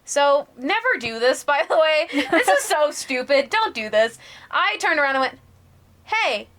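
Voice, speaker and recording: A young woman co-hosting a podcast, telling her ghost stories casually, laughing, swearing and going hushed at the spooky parts. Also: high voice, sing-song, moderate pace. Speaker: podcast co-host. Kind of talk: casual storytelling chat.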